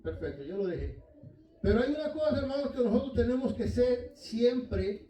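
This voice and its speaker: A man's voice: very high voice, animated, moderate pace, warm tone. Guy preaching in church, chatty tag questions, echoey room, mic kinda far. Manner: folksy, addresses listeners as brothers, frequent tag questions. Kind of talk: conversational sermon with personal anecdote.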